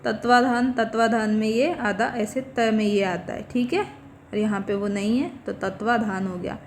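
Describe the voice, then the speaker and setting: A woman's voice: fairly high pitch, normal speed, slight background noise. A woman teaching an exam revision lesson, explaining each point step by step and often checking in with her students. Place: online class recording.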